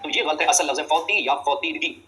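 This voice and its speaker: A male teacher, giving a quick exam-prep spelling lesson, repeating rules and reminding students to remember them. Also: a little high, bright, forceful tone, soft background music, poor audio. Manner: quick, drilling explanations with frequent reminders.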